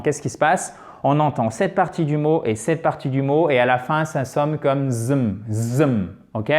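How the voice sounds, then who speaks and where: A man with a mid-range voice runs an online lesson on English for French speakers. He explains each point patiently and step by step. He models words by repeating them slowly, and he speaks to his viewers as friends. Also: medium pitch. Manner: addresses viewers directly and warmly as friends. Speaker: English teacher.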